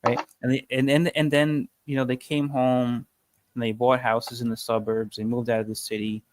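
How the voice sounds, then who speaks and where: A man's voice: mid-range voice, flat delivery, moderate pace, no echo. Stammering emphatic male host, dry sound. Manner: stammering, repeats words, emphatic. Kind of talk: casual live chat.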